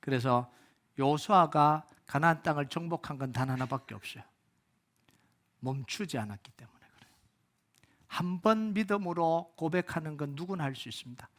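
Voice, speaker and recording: A male pastor preaching a sermon, urging loudly at times and dropping to soft near-whispers, full of rhetorical questions. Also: a little high, fairly quick. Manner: rhetorical questions, acts out inner voices.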